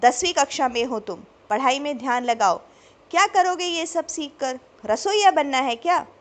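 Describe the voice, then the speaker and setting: A woman voicing a strict, angry middle-aged father who shouts and scolds. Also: high voice, expressive, moderate pace, pitched above the performer's own voice.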